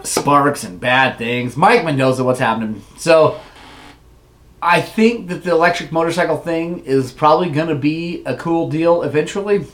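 Man, livestream host, casual chat, rambling, easy laughter, slightly high voice. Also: moderate pace, fairly bright tone. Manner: rambling storyteller, loose and chatty, laughs often; reads viewer comments aloud.

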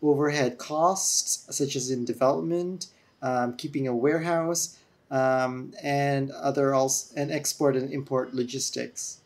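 A man speaks at a middling pitch in an earnest, lecturing tone, laying out points like a solo podcast host. His voice comes through a camera-mounted mic with a hollow, echoing, tunnel-like sound and a touch of feedback. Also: steady tone, unhurried. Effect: echoey tunnel-like sound with feedback.

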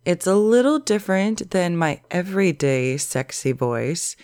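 A woman hosting her own podcast in casual solo chat, her voice a bit lower and rougher than usual because she is sick. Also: measured pace, no echo, studio quality. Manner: chatty, relaxed, talks straight to listeners. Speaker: podcast host.

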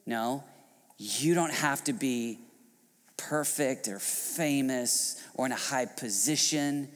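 A male pastor preaching a sermon, swinging from hushed passages to loud, shouting outbursts. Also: medium pitch, slow, big-room sound. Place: church hall.

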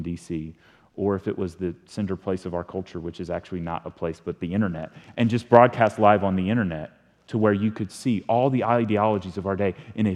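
A man preaching a sermon as a pastor, telling the story with animated swings from loud emphasis to hushed delivery. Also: medium pitch. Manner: animated storytelling preacher, rising and falling in volume. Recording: long reverb of a large hall.

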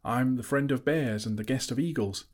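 A man voicing a nervous, flattering little male hobbit who stammers and talks eagerly. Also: mid-range voice, moderate pace, pitched above the performer's own voice, natural voice. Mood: pleased.

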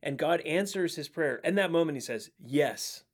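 A man's voice: a little high, expressive, brisk. A man co-hosting a Bible podcast, talking through a passage in an earnest, reflective way and often quoting scripture. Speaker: podcast co-host. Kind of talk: casual Bible study chat.

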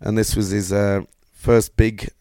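A man's voice: on the low side, flat delivery, unhurried, warm tone, clear, resonant tone, dry recording. A man, co-hosting a casual podcast chat and reading through his notes with lots of fillers. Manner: rambling, reads notes aloud with fillers. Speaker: podcast co-host.

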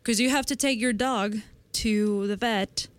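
A woman's voice: a little high, unhurried. A woman in her twenties, a podcast co-host, walking her co-hosts through a science study step by step in casual conversation. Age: 20s.

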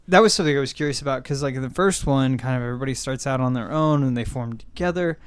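A man's voice: mid-range voice, fast, clean tone, no echo. A man talking eagerly and at length about a film on a casual podcast. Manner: enthusiastic, rambling. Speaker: podcast host. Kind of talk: casual chat.

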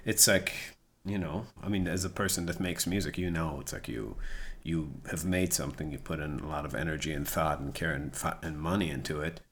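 A middle-aged man from Israel, a musician being interviewed, talking casually with halting restarts. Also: a bass voice, steady tone, a bit bright, a little hiss or hum. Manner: halting, many restarts and fillers. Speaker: musician guest.

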